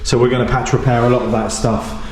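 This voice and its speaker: A man who hosts a renovation channel gives a casual walkthrough of a gutted little cottage, full of ums and self-corrections. His voice is medium-pitched, level in tone and quick. The bare rooms echo, and there is background noise.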